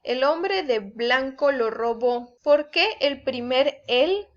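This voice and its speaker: A woman's voice: high-pitched, lively intonation, slow pace. A woman giving a spelling and grammar lesson, explaining each rule through casual everyday example sentences. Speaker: teacher. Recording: dull lo-fi recording.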